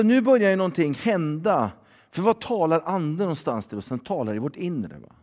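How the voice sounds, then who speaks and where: A man's voice: high voice, darkish tone. A man preaching a sermon in a loose, conversational way, full of fillers and tag questions. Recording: long hall reverb.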